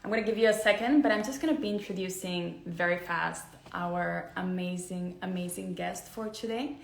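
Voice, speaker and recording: A woman's voice: on the low side, normal speed, gravelly. Enthusiastic woman hosting an interview. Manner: enthusiastic, hyping up the guest. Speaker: host. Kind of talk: casual interview.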